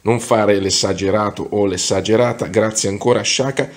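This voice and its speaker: A man's voice: fairly low pitch, fairly even intonation, normal speed. A man in his forties giving casual commentary to camera and reading out comments in a sarcastic, mock-scolding manner, recorded indoors in a small room. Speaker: video blogger reacting to viewer comments.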